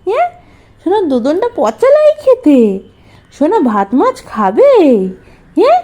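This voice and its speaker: Mother cooing lisping baby talk to her infant: very high, mellow voice. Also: huge pitch swings, moderate pace, muffled recording.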